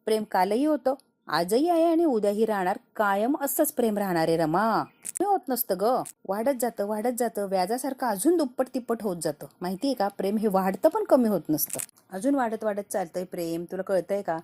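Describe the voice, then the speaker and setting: A woman voicing an affectionate young husband who speaks softly. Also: medium pitch, expressive, brisk, close to an everyday voice. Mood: tender.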